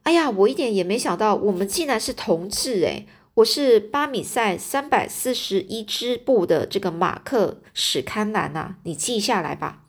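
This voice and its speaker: A woman's voice: medium pitch, lively intonation, moderate pace, breathy edge. A woman voicing a sly, nosy bearded male miner in a storybook reading. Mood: hearty. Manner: nosy questioning, hearty.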